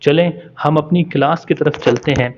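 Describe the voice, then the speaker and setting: A man's voice: a little high, normal speed, darkish tone, a little hiss or hum. Patient male Quran pronunciation teacher. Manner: patient, stretches Arabic letter sounds for practice. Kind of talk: spoken lesson with drawn-out letter demonstrations. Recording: dull lo-fi recording.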